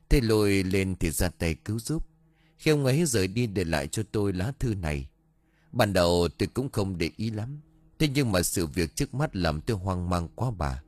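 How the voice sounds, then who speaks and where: A man's voice: low voice, a little mellow, dry recording. A man voicing a frightened older village chief in an audiobook story, talking in a shaken, pleading way.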